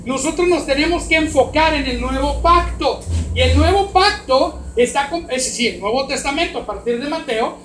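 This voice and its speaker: Mexican male pastor, emphatic sermon, roomy hall with faint hiss. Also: very high-pitched. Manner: swings from hushed to loud, emphatic preaching. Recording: roomy hall echo, faint background noise.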